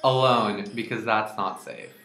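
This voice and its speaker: A man's voice: fairly low pitch, a little slow, soft background music. A young man student jokes playfully alongside a friend into a laptop webcam. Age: young adult. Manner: lively, joking. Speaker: college student. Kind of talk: playful joint video. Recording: echoey room.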